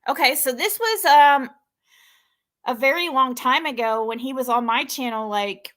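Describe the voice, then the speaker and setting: Speaking at normal speed in a high, slightly bright voice, a young woman runs a livestream and reacts to an old clip. Her casual commentary is rambling and full of self-corrections.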